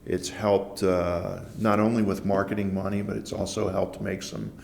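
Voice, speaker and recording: A man with a very low voice answers interview questions off the cuff. There is fry in his voice, and the room echoes around him with a faint rumble. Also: flat delivery, moderate pace, darkish tone. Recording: roomy echo with faint rumbling noise.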